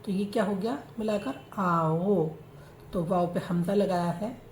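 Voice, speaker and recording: Slow, patient woman teaching letters. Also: lowish voice, fairly even intonation, darkish tone. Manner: spells out letters slowly, then blends them into words. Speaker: Urdu reading teacher. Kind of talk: slow spoken reading lesson. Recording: echoey room with faint noise.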